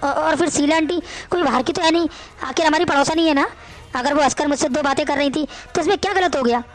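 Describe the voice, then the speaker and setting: A woman's voice: high-pitched, quick pace, close to an everyday voice. A woman voicing an outspoken young daughter-in-law who answers back in a cartoon story. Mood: defiant. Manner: pleading, then pert back-talk.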